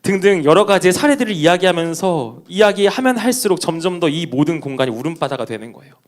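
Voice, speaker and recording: Young male preacher, storytelling sermon, lively and fairly high. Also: fast talker. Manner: personal anecdote with quoted dialogue, addresses congregation.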